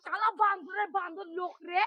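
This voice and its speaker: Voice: very high-pitched, fairly even intonation, fairly quick. A performer playing a scolding, mocking village busybody with a North Bengal accent in a comedy skit. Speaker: comic actor. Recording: dull lo-fi sound, crowd noise.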